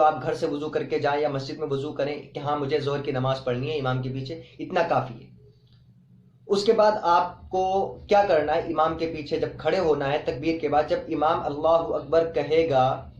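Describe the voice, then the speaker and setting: A man's voice: fairly high pitch, muffled recording, a little hiss or hum. A man with an Urdu accent, a mufti, giving religious instruction on prayer step by step and patiently, repeating the key points. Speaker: mufti teaching prayer rules.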